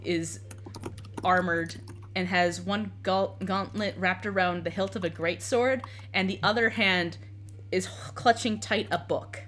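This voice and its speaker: A woman improvising narration as game master in a tabletop game, casual and halting. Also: fairly low pitch, fairly even intonation, a bit bright, slight background noise.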